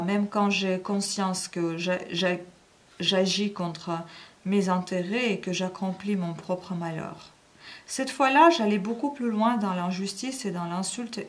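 Woman, reader, classic novel read aloud, first-person narration, measured delivery, mid-pitched voice.

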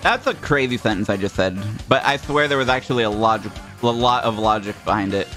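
A man's voice: lowish voice, a little fast, a bit bright, soft background music. A young man giving casual, sarcastic, self-mocking commentary while playing a game, swearing freely. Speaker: streamer.

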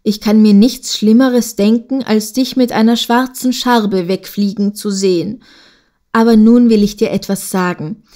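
A woman's voice: mid-range voice, steady tone, unhurried, warm tone, natural voice. Audiobook goose sister, jealous and scheming, sly insinuating tone, read by a woman.

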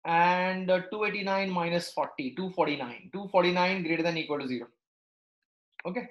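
A man's voice: high-pitched, brisk, lo-fi sound. A man teaching maths live, working through steps aloud and checking understanding with short questions. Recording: echoey, roomy sound.

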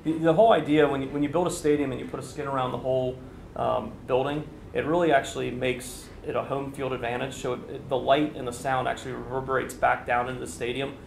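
A fast-talking man in his forties with vocal fry and a medium pitch that barely moves answers press questions about construction work, since he is an official. He stays businesslike and explanatory, using lots of fillers, at a standing mic in an indoor conference room as a TV camera films. The room echoes, and there's a little hiss or hum.

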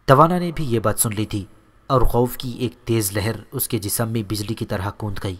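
A man's voice: on the low side, fairly bright tone. Man narrating a historical audiobook. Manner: measured storytelling. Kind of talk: scripted narration.

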